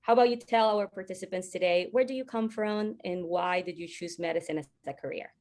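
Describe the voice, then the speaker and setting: A woman's voice: fairly low pitch, fairly quick, darkish tone. A woman moderating a webinar, reading a formal introduction and then asking interview questions.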